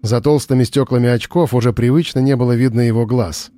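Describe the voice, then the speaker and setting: A man's voice: mid-range voice, fairly even intonation, brisk, warm tone, no echo. Man narrating a tense audiobook. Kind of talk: scripted narration.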